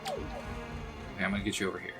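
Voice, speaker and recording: A man's voice: on the low side, wildly swooping pitch, a little fast. A man streaming a video game, chatting casually with viewers and swearing freely at enemies. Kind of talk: casual live-stream chat while playing. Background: game music.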